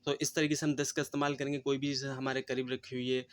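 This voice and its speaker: A man teaching an English grammar lesson, explaining slowly in Hindi mixed with English terms and pausing with fillers. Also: mid-range voice, level tone.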